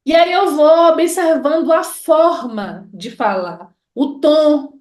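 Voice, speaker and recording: A Brazilian woman with a Bahian accent, an educator giving a lecture, slowly drawing out her example words. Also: sits high, a little mellow. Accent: Bahian Portuguese. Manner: deliberate, stretches out example words. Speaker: educator and researcher. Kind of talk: lecture explaining linguistics. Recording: echoey room.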